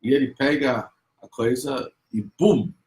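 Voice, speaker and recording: A man's voice: mid-range voice, a little slow, low-quality recording. A man teaching a class on faith, telling a story and acting out the people in it. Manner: animated storyteller, acts out child and mother in raised voices. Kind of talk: storytelling lesson.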